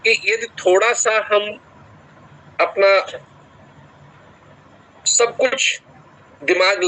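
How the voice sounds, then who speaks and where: Bright, measured man on a call. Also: high-pitched, rough recording. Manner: measured, polite, speaks in slow deliberate phrases. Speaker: meeting participant sharing earnings. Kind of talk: formal remarks on a video call.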